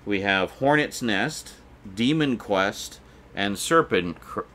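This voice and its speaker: Speaking slowly but with animation, a middle-aged vlogger with a fairly low, slightly bright voice reviews collectibles off the cuff. The setting is a small shelved room, and there's obvious room noise on the recording.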